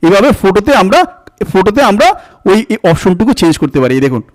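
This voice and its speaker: A Bangladeshi-accented man walks through a software tutorial, repeating each step and pointing things out. His voice sits high for a man and swings widely in pitch. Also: big pitch swings, quick pace. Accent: Bangladeshi Bengali. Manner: repetitive, stepwise explaining with frequent "look here". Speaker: tutorial instructor. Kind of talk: screen-recorded software tutorial.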